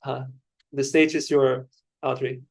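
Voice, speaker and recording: Chatty man moderating a webinar, flat. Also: medium pitch, measured pace. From Vietnam. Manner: chatty, self-deprecating, with frequent fillers. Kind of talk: hosting an online webinar. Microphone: video call.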